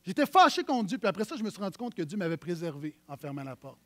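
A man with a Quebec French accent preaching a sermon as pastor, conversational and animated, swinging between loud emphasis and hushed asides. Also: high voice, fast.

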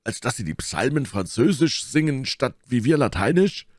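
A hot-tempered, blustering musketeer talks loudly and with heavy emphasis, as a male reader puts him on. His voice swings widely in pitch and sounds dry and close. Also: big pitch swings, moderate pace, no echo. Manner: loud, emphatic.

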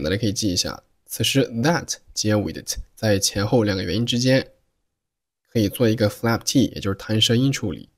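Husky lively-voiced male teacher. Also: lowish voice. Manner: slow, careful demonstration of sounds. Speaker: English pronunciation teacher. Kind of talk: explaining a lesson, reading example sentences aloud.

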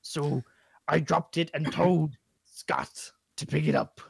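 A man's voice: on the high side, takes it slowly, vocal fry, slightly rough, no echo. A man playing a tabletop game over voice chat, stammering through hesitant in-character excuses. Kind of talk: casual in-character game banter.

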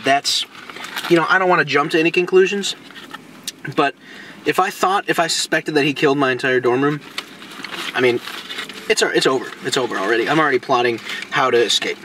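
A young man with a mid-pitched voice rambles through his answers, thinking out loud and restarting often. He sits a little away from the mic in a noisy car recording with vehicle sound behind him. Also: normal speed, pauses often, distant mic. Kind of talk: casual chat.

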